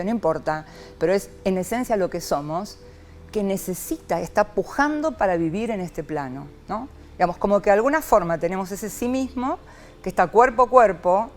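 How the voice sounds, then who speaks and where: A woman from Argentina, a psychologist talking expressively as an interview guest. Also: mid-range voice. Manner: expressive, lively, frequent rhetorical "¿no?". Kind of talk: reflective interview talk.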